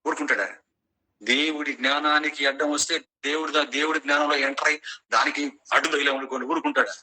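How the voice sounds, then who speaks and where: A man's voice: on the high side, fairly even intonation, brisk, sharp tone, poor audio. A middle-aged man preaching a sermon in an online class, emphatic and full of rhetorical questions to his listeners.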